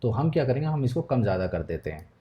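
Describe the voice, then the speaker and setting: A man's voice: mid-range voice, big pitch swings, quick pace, highs cut off. A man teaching a coding tutorial, explaining step by step and checking in with viewers often. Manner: patient step-by-step explaining, frequent check-ins. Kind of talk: screen-recorded coding tutorial.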